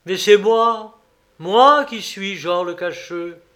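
A man's voice: sits high, slow pace, voice pushed up. A man voicing a tearful old prophet. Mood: moved, solemn.

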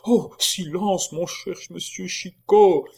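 Un homme qui fait la voix d'un gros moine terrifié, qui supplie en gémissant d'une voix haute et traînante. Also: male voice, fairly even intonation. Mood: whispering urgently. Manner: high wailing pleas, slowed and drawn out. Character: fat terrified male monk, pleading and whining.

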